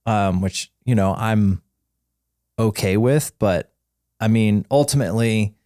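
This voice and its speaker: A man's voice: lowish voice, slow pace, dark tone, smooth, dry recording, clean studio sound. A man in his forties, co-hosting a podcast in casual chat and rambling through fillers and restarts. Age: 40s. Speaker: podcast co-host.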